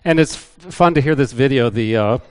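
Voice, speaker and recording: A man's voice: mid-range voice, fairly quick, clear, resonant tone. A middle-aged man, a visiting missionary, giving a casual, self-deprecating church talk with frequent "uh" fillers. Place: church building.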